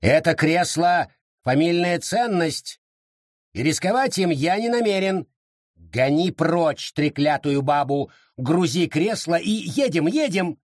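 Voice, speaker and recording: A man's voice: a little high, lively intonation, measured pace, no echo, studio quality, pitched above the performer's own voice. A man voicing a pompous, whiny old colonial judge who barks orders at everyone. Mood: indignant. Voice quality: whiny, imperious shouting.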